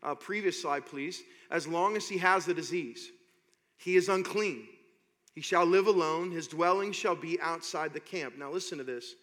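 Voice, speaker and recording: Impassioned preacher in a reverberant hall. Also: male voice. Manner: builds from low reading to loud, impassioned preaching; reads scripture slowly and deliberately. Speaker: pastor. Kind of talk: sermon.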